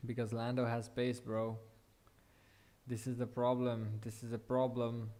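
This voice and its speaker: A young man giving live reaction commentary as he follows a race. His voice sits at an ordinary middle pitch. He talks it through out loud, gets excited and drops the odd swear word. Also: a little slow. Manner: excited, swearing, thinking aloud. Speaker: watch-along race commentator.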